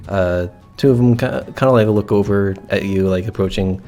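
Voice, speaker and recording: A man's voice: lowish voice, normal speed, a little mellow, soft background music. A man narrating as game master, hesitant with many fillers.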